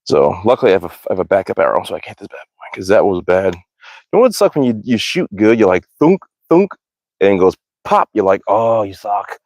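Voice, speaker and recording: An American hobby archer livestreams from an outdoor backyard range, chatting casually and rambling in a slangy, informal way. He speaks a little fast in a fairly low, sing-song voice with a darkish tone, captured in a dry recording.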